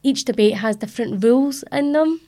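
A woman's voice: high-pitched, fairly quick, dark tone. A young woman with a broad Scottish accent, speaking as an elected politician on a discussion panel in an emphatic, plain-spoken way. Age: young adult.

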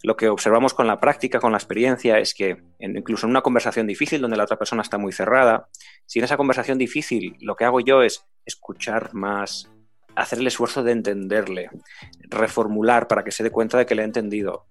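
A middle-aged man teaching communication in a measured explanatory talk. He poses rhetorical questions to his co-host. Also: fairly low pitch, fairly even intonation, faint music behind. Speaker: communication trainer.

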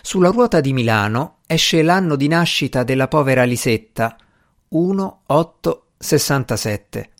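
A man reads a novel aloud in an even mid-range voice, with wry, measured timing. His scripted narration is serial audiobook storytelling. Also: medium pitch.

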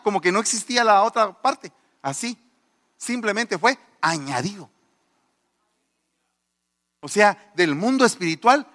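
A man's voice: high voice, fairly bright tone, big-room sound. A man, a pastor, giving a testimony sermon, telling the story with animation and acting out the people in it.

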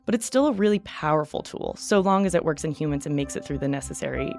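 A woman delivering a scripted science news report in a brisk, emphatic manner. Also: deep voice, lively intonation, creaky, over loud music.

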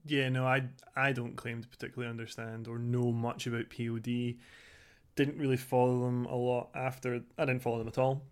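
A man's voice: medium pitch, little pitch movement, a little fast. A man in his thirties co-hosting a podcast in casual chat, informal, sweary and self-deprecating. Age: 30s. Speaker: podcast co-host.

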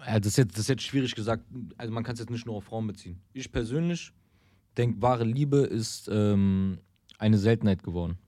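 A young man co-hosting a casual podcast chat, talking haltingly and repeating himself as he works out his point. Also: lowish voice, warm tone, no room sound, studio quality. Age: young adult. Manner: halting, restarts, repeats words.

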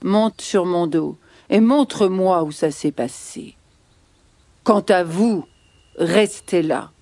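A commanding lion, king of the storybook animals, asks his questions firmly, as a woman reads his lines. The delivery stays slow, in a mellow voice. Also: fairly low pitch, dry recording. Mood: stern.

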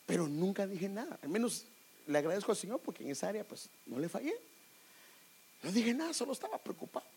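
Animated husky Guatemalan preacher man. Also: high-pitched. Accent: Guatemalan Spanish. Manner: animated, addresses listeners as brother. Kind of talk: testimony sermon.

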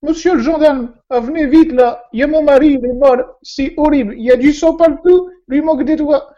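A man voicing a middle-aged village baker's wife in a comic radio sketch, shrill and rambling in her plain country way. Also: normal speed, mellow, muffled recording. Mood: panicked.

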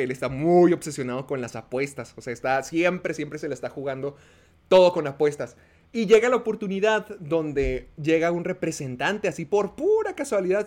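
A man with a Mexican accent, a podcast host giving a rambling, casual film review with many fillers. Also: on the high side.

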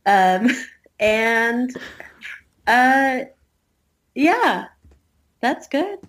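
A woman's voice: on the high side, sing-song, very slow, a bit bright. A woman guest on a podcast, chatting casually in an easygoing, slightly hesitant way. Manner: easygoing, a little hesitant, with fillers. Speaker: podcast guest, show producer. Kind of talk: casual chat.

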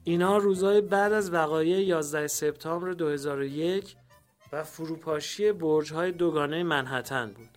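A man with a fairly high voice reads a literary memoir aloud in a measured, unhurried way. A soft bed of music plays quietly under his narration. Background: faint background music.

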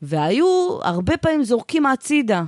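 Man playing a brash, high-pitched woman bus driver. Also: very animated, no echo, clean studio sound. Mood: nostalgic, deadpan boasting. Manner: slangy, emphatic, swaggering. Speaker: bus driver character in comedic chat. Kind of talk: improvised comic character banter.

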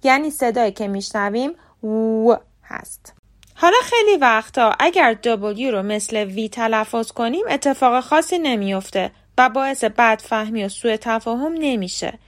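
A woman from Iran hosting a scripted podcast lesson on English pronunciation, speaking clearly and carefully and slowing down to spell out example words. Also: on the high side, animated.

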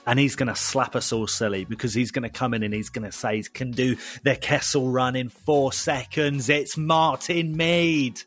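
A man's voice: medium pitch, steady tone, normal speed, hardly any pauses, fairly bright tone, soft background music. A man with an Essex accent hosting a casual podcast with blokey, enthusiastic banter. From Essex, England. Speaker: podcast host.

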